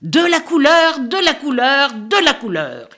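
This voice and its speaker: A lonely little male crow from a picture book speaks in a small, sad voice that lifts high and eager, as a woman puts him on. The tone swings widely as he pleads to be liked. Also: sing-song, measured pace, fairly bright tone. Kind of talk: storybook read-aloud.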